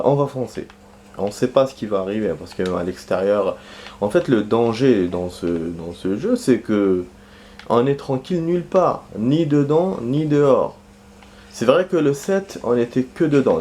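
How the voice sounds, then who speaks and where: A man's voice: mid-range voice, expressive, moderate pace, darkish tone, slight background noise. A man giving casual let's-play commentary, rambling and hesitant, with lots of fillers and restarts. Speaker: gaming commentator.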